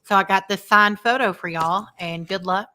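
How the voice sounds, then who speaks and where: A woman's voice: mid-range voice, moderate pace, pushed and bright. An American woman talking casually as co-host of a live football fan show. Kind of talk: casual live sports chat.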